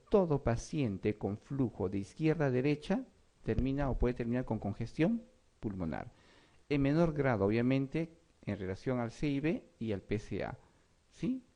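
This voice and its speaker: Man, medical lecturer, gravelly, mellow, checks in with students often. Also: medium pitch. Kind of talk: exam review lecture.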